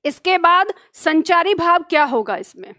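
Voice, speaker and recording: High-voiced woman teaching literature. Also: big pitch swings, unhurried, pushed and bright, dry recording, clean studio sound. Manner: asks questions and answers them herself; explains verses line by line in plain words. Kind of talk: Hindi literature lesson.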